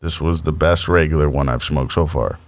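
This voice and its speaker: A young man co-hosting a casual podcast, telling animated stories and laughing often. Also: a bass voice, a little fast. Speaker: podcast co-host. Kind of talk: casual chat.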